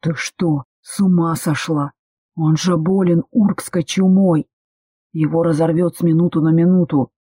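A reader voicing a young male passenger who is gruff and anxious and speaks in an insistent, hissing way. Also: mid-range voice, steady tone, measured pace, warm tone, no echo. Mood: alarmed. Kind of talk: audiobook character voice.

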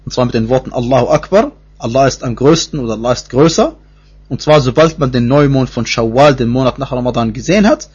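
Male religious teacher, husky voice, halting explanatory delivery full of restarts, dull lo-fi recording. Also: medium pitch, a little mellow. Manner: repeats himself, many fillers and restarts. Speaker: Quran teacher. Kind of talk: spoken Quran commentary lesson.

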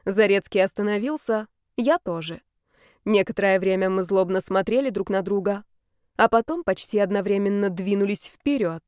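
A woman narrating a novel in the first person, wry and even. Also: medium pitch, moderate pace, clean tone, dry recording, studio quality. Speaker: audiobook narrator.

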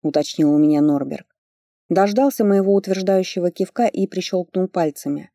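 A woman narrating a first-person fantasy audiobook with lively, expressive storytelling. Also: on the low side, normal speed, dry recording, studio quality.

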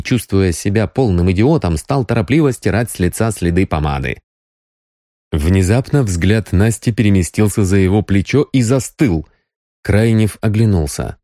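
A man narrating an audiobook with expressive storytelling. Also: low-pitched, dry recording, clean studio sound.

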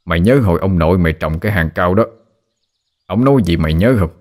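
Guy playing a nagging old southern vietnamese farmer dad, deep and gruff, teasing his boy. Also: animated, quick pace, darkish tone. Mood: scolding. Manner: scolding, teasing. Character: grumbling old rural father nagging his son.

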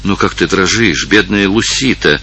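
A man's voice: low-pitched, normal speed, gravelly, breathy edge, exaggerated voice. A man voicing a kind and earnest young woman, a village elder's daughter, in an audiobook. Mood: earnest, concerned. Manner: warm, earnest, emotional.

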